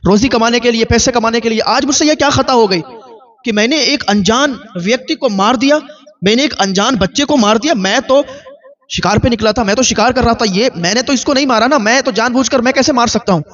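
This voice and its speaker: A man's voice: high voice, a bit bright, recorded from a distance. A man voicing a frightened young male migrant worker who pleads for mercy in a raised voice. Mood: pleading. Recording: dull lo-fi recording.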